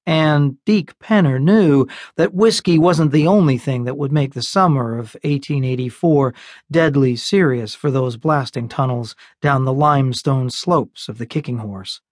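A man narrating an audiobook in a measured, unhurried storytelling manner, recorded close on a studio mic. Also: fairly high pitch, no room sound. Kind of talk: scripted narration.

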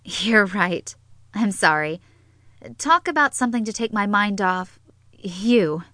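A woman's voice: mid-range voice, animated, takes it slowly, pushed and bright, no room sound. A woman voicing a composed middle-aged businesswoman who speaks poised and a little guarded.

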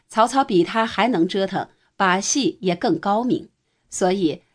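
A woman narrating a nonfiction history audiobook in a steady, even reading voice. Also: medium pitch.

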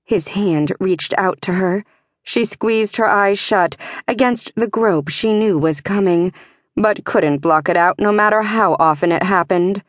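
A woman narrating a fantasy audiobook in a measured, tense way. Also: mid-range voice, no room sound, studio quality.

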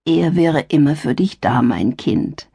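A woman voicing a frail, sly elderly mother with a low, soft, drawn-out voice. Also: very animated, vocal fry, slightly rough, dry recording, full character voice. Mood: wistful.

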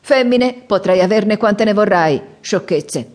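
Booming, bitter old father in an audiobook, read by a woman, pitched up and loud. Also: measured pace, natural voice. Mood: gruff, scolding. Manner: booming, scolding, sighing. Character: gruff aging widower father, loud, bitter, mocking.

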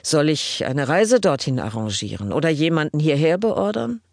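A woman's voice: low voice, sing-song, moderate pace, vocal fry, no room sound, studio quality, exaggerated voice. A woman reading the part of an eager, limping soldier who serves as a dutiful secretary.

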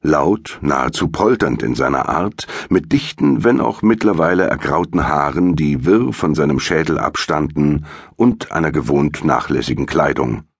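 A man narrating a first-person mystery audiobook in a measured, dramatic storytelling manner. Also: extremely low pitch, lively intonation, gravelly, husky, dry recording, clean studio sound.

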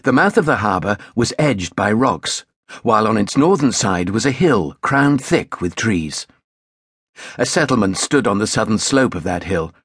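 A man narrating a historical novel in a steady, measured storytelling manner. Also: on the low side, breathy edge, no room sound, clean studio sound. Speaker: audiobook narrator.

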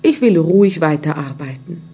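A woman's voice: deep voice, lively intonation, moderate pace, vocal fry, mellow, husky, full character voice. A woman voicing an old male carpenter who talks to himself and gets easily frightened, in a storybook. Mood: fearful. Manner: talks to himself, stammering when scared.

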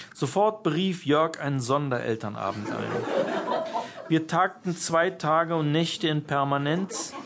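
Wry man reading a comic audiobook. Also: a little high. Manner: wry, amused storytelling. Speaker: author reading his own book. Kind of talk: humorous audiobook narration.

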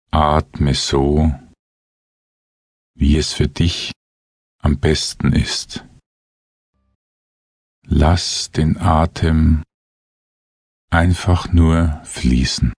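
A man guiding a relaxation meditation in a soft, hushed, husky voice, with gentle unhurried instructions and long pauses. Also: rumbling low, no echo, studio quality. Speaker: guided meditation narrator. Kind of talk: guided relaxation meditation, slow and soothing.

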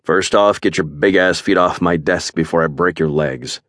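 A man reading as a brooding male warrior leader, gruff and curt in his replies. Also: deep voice, normal speed, a bit bright, dry recording, studio quality.

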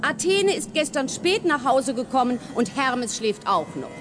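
A woman's voice: sits high, very animated, unhurried, over music. An actress voicing Hera, queen of the gods, scolding and teasing her husband in a radio play. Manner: scolding yet affectionate, teasing.

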